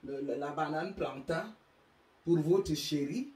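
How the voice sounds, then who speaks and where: A woman's voice: low-pitched, takes it slowly, a little mellow. A woman from Africa lectures on parenting, emphatic and scolding, often stumbling over repeated words. Her voice rings in an echoey room. She stands at some distance from the mic. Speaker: speaker giving parenting advice. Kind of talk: impassioned monologue to an audience. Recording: roomy sound, mic far off.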